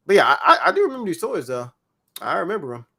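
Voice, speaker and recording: A man in his thirties talks through gaming memories in a relaxed podcast chat. His voice sits a little high, and he laughs easily as he goes. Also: fast talker. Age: 30s. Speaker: podcast co-host. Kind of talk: casual chat.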